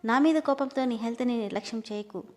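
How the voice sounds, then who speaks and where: A woman reading the lines of a calm, stern young husband in a storybook, lowering her voice and speaking firmly and steadily. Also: quick pace, lightly acted.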